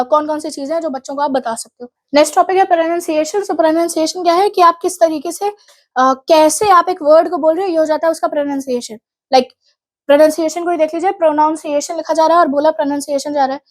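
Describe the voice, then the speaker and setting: A young woman from India with an Indian English accent, giving a lesson and explaining step by step in mixed Hindi and English. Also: sits high. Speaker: teacher. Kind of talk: exam revision lecture.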